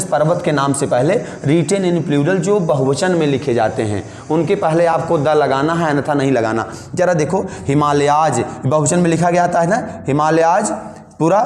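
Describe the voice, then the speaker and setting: A man's voice: on the high side, a little mellow, reverberant. A man teaching English grammar rules, explaining each rule again in Hindi and asking his students questions.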